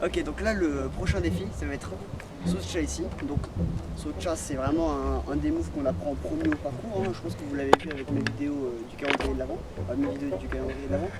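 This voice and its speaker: This parkour creator talks fast in a voice on the high side, with fairly even intonation, offering loose, fragmentary commentary while doing stunts outside in the sun. Heavy background noise surrounds him, and loud music sits on top of his speech.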